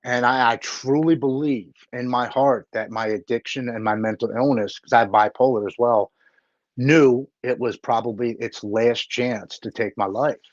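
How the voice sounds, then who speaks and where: In a live interview, a middle-aged guest who advocates for recovery shares his own story in plain, blunt words with casual swearing. He speaks at a normal speed with a medium pitch and fairly even intonation, captured in a dull, dry lo-fi recording with no echo.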